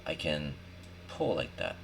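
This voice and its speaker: Working through a casual screen-recorded 3D modelling tutorial, a man with a rumbling low voice thinks aloud informally and keeps checking in with the listener. He's very animated, though his pace is measured. Background noise, typing and mouse clicks make the recording clearly noisy.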